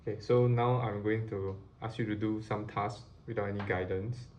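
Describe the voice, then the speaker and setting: A man's voice: on the low side, fairly even intonation, moderate pace, a little mellow, slight background noise. A man moderating a usability test, reading out a briefing and task instructions.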